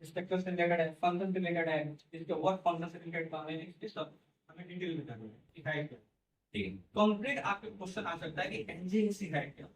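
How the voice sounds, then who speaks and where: Talking fast, a teacher with a voice that sits high for a man explains his lecture step by step, pausing to check in with students via "theek hai" and "hai na." No microphone is used, and the recorder sits far away, leaving his voice distant and echoey.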